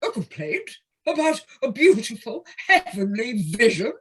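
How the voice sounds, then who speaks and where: Flamboyant spoilt toad gentleman, husky, pitch flying all over, gushing audio play style. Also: sing-song, exaggerated voice. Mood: manic obsession. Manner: gushing, whooping, drawn-out exclamations. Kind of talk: amateur audio play acting.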